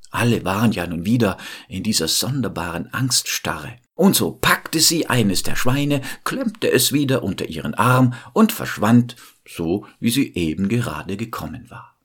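A man's voice: on the low side, slightly rough. A man telling a fairy tale aloud and speaking directly to his listeners. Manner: warm, addresses listeners directly. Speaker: storyteller.

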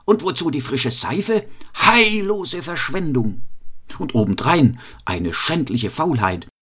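Man doing Meister Pfriem, shrill nagging shoemaker. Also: sing-song, moderate pace, fairly bright tone. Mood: scolding. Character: cantankerous fault-finding master shoemaker, man. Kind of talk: fairy tale reading.

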